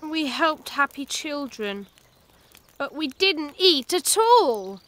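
A woman doing Brill, a very high, eager creature. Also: sing-song, slow pace, a bit bright, heavily acted. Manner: eager exclaiming speech.

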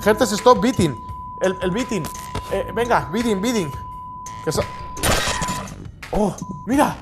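A man doing excitable gameplay commentary, bursting into shouts and laughs between mumbled asides. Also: sits high, slow. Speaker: gaming video host. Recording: music playing behind.

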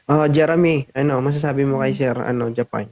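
A man's voice: medium pitch, fairly even intonation, fairly quick. A man hosting a casual street interview, teasing and joking with frequent laughs. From Zambales. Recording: loud background noise.

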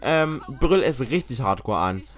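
A young man commentating a life-sim game he is playing, excitable and swearing, often yelling in mock outrage. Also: medium pitch, a little slow. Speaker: gaming YouTuber. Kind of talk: Let's Play commentary.

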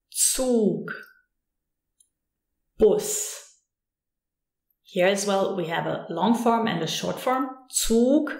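A German woman with a German accent teaching pronunciation patiently and clearly, modelling each word slowly. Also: lowish voice, a little mellow, reverberant. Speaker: language teacher. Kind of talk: pronunciation lesson.

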